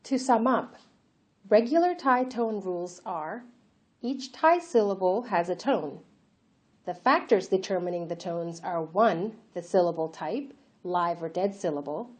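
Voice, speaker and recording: A woman giving a clear, listed summary in a scripted language lesson. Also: fairly low pitch, lively intonation, a little slow. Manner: clear, enumerating summary delivery. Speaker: language instructor. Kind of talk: scripted narration.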